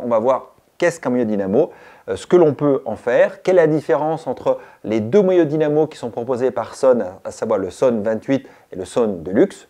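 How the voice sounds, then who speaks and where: A man's voice: mid-range voice, dark tone. A man hosting a cycling channel, giving a chatty gear review and explaining step by step to his viewers.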